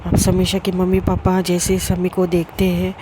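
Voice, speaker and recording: A woman telling a romance story aloud in a plain, unhurried manner with small fillers. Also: lowish voice, completely flat delivery, noisy background. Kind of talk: storybook narration.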